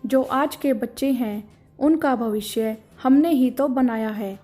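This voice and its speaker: A woman's voice: on the high side, slow, dark tone, faint music behind. A woman voicing a stern, caring middle-aged husband who scolds with indignation. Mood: indignant.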